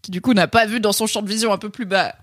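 A woman cohosts a casual podcast, talking her thoughts through and often rephrasing as she goes. Her voice sits at a middle pitch, and the recording is close and dry. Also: fairly even intonation, quick pace, dry recording. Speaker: podcast co-host. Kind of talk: casual chat.

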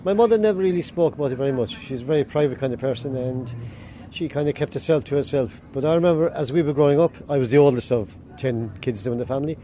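A man's voice: medium pitch, fast, dark tone. A middle-aged man with an Irish Kerry accent, casually reminiscing. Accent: County Kerry, Irish. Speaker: interviewee, boat operator. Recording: faint outdoor engine noise.

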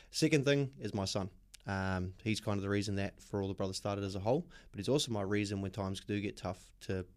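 A man's voice: fairly low pitch, a little mellow. A man with a New Zealand accent, a podcast guest talking openly and reflectively about his life, with many ums. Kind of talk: personal storytelling in an interview.

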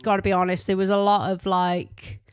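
A woman's voice: medium pitch, level tone, normal speed, clean tone, no echo, studio quality. A woman from the South Wales Valleys with a Welsh Valleys accent, chatting casually and bluntly as an interview guest, often at her own expense. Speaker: podcast guest, writer and musician.

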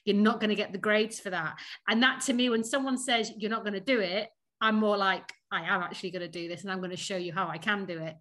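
A woman's voice: medium pitch, quick pace, a bit bright. A woman from Sheffield with a Northern English accent, chatting casually as a podcast guest, laughing often and using many fillers. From Sheffield, England. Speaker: podcast guest, company founder. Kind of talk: casual interview chat.

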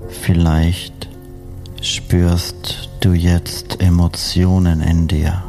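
Very slow, deep-voiced man narrating sleep meditation. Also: little pitch movement, gravelly, mellow, soft background music. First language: German. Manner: soothing, hypnotic, unhurried with long pauses. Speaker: meditation and hypnosis guide.

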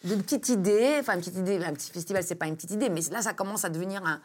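A woman's voice: mid-range voice, rapid-fire. A woman from Belgium, a comedian and podcast guest, tells a story with lots of energy. She acts out the voices of the people in it and laughs along as she goes, and her voice sits in the middle of the usual range. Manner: lively storyteller, acts out quotes, laughs often. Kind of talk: animated anecdote telling.

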